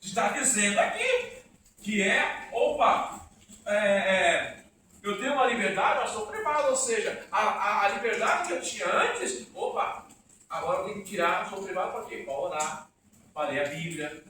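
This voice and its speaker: A man preaching an informal church sermon, animated and quizzing the congregation. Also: high voice, normal speed. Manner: animated, asks the congregation questions, acts out quotes. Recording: echoey room from far off, faint noise.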